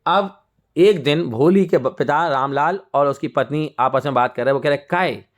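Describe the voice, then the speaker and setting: A young adult male teacher retells a textbook story for his students, slipping into the characters as he goes. His voice is a little high for a man, and he speaks at a moderate pace in a lively, conversational manner.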